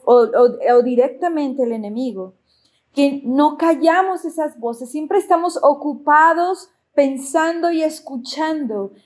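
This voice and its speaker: A woman pastor preaching a sermon in an expressive style, often putting questions to the congregation. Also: sits high.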